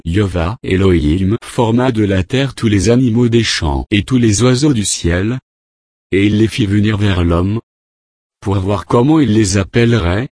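A man preaches in a slow, deliberate cadence, reading verse after verse. His voice sits fairly low and the recording is dry and close, with no room around it. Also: no room sound. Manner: slow, measured, repeats divine names in a steady cadence. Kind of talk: slow Bible-study sermon reading scripture.

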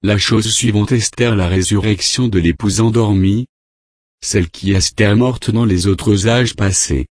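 A male preacher reads scripture and sermon quotes aloud, taking his time over every phrase. His voice sits fairly low, and the recording is close and dry. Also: darkish tone, dry recording. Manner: measured, deliberate reading of verses and quotes.

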